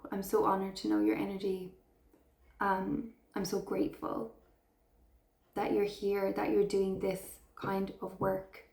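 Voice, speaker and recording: A woman's voice: mid-range voice, little pitch movement, a little slow, a little mellow, roomy sound. A woman giving an intuitive tarot reading to her viewers, speaking in an earnest, affirming way and heaping praise on them. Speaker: tarot reader.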